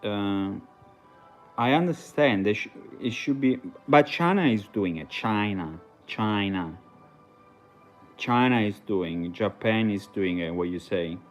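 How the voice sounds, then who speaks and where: A man's voice: fairly low pitch, slow pace, faint music behind. A man from Italy, talking casually on a livestream in a hesitant, rambling way full of fillers and restarts. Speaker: livestream host.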